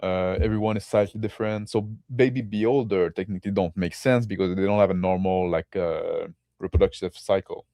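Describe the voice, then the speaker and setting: Low-voiced man rambling about tabletop games. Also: steady tone, brisk, hardly any pauses, dark tone, no room sound, clean studio sound. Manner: rambling, many fillers and restarts. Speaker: podcast co-host.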